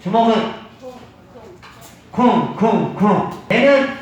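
High-voiced man chanting a clapping game. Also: lively intonation, extremely slow. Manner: rhythmic chanting of sound words, coaxing elders. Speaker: senior recreation instructor. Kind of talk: leading a clapping game class. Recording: echoey room, mic at a distance.

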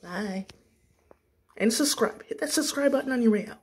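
A woman showing off her grocery haul in a casual vlog from her kitchen, unhurried and pausing often with "um". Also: a little high, animated, husky. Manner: unhurried, with frequent pauses and "um" fillers. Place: home kitchen, indoors. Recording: packaging noise over the voice. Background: crinkling plastic packaging.

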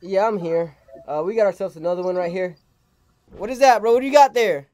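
A young American streamer and prank host playfully trolls strangers on video chat, often exclaiming in a mock-official police dispatcher voice. He talks fairly quickly, with a high voice and a darkish tone.

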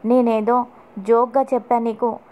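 A woman's voice: a little high, little pitch movement, moderate pace, mellow, highs cut off, close to an everyday voice. A woman reading an anxious young wife. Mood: insistent. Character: distressed young wife hiding the truth.

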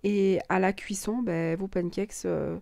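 Hoarse, husky-voiced woman narrating a recipe. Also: mid-range voice, unhurried, no echo. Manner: calm step-by-step instructions. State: hoarse, lost voice. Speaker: cooking channel host.

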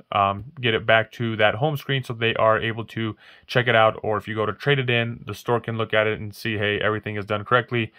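This tech tutorial host speaks at a medium pitch with a slightly bright tone, and there is no echo. He walks through a casual how-to on a phone lying on an indoor wooden table, rambling, restarting and using plenty of fillers. Only his hands appear as he narrates the demo.

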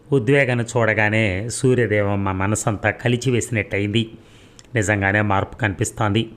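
A man narrating a serialized audio story in a calm, measured reading. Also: fairly low pitch.

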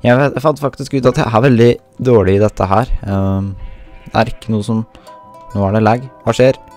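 A young man talks through his gameplay in a chatty, self-mocking way, dropping English slang as he goes. His voice sits fairly low, and soft game music plays quietly behind him. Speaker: gaming YouTuber. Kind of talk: casual gameplay commentary. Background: faint game music.

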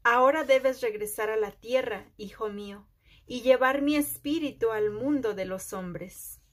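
Woman reading as a slow, solemn sun god. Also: fairly high pitch. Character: solemn, commanding male sun god and father. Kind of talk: storybook read-aloud.

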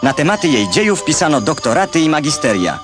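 A man's voice: on the high side, very animated, fast. A man narrating an old newsreel in a scripted, wry and ironic way, with music behind him. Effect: old newsreel recording.

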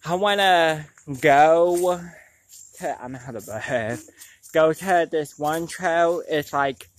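This is a slow, somewhat high male voice from a guy in his twenties filming a trail vlog. He talks casually to viewers, throwing in "y'all," while a clip-on lapel mic records him outside.

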